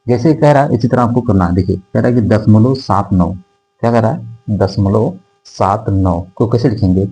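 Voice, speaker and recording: Male classroom math teacher, low, husky, mellow, repetitive, checks in constantly. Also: low-quality recording. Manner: dictates numbers slowly digit by digit. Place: classroom with whiteboard.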